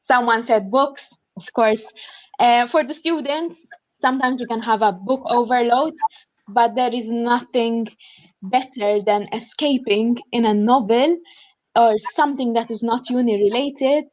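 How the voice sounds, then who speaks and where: A young Maltese woman takes part in an online student panel from home in a shared flat, reading notes earnestly and filling pauses as she thinks aloud in her Maltese accent. Her voice is a little high and measured in pace. Through the computer mic on the video call, the sound is muffled with no room sound.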